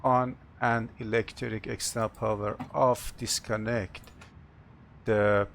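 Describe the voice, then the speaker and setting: A man who is a non-native English speaker, working as an airline captain, talking through cockpit procedures and announcements in short, halting, procedural phrases. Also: fairly low pitch, level tone, creaky, slight background noise. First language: not English. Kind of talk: cockpit procedure narration, checklist callouts and announcements.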